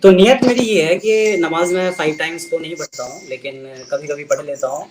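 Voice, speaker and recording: A man's voice: fairly high pitch, brisk, a crowd in the background, low-quality recording. A man in his twenties calling in to a debate, defensive and mixing in English as he argues his side. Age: 20s. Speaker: caller. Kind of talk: casual debate call.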